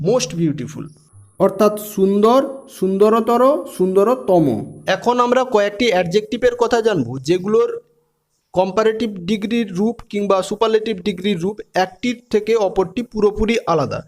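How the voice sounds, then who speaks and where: A man teaching English grammar, explaining step by step and spelling words out letter by letter. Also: sits high.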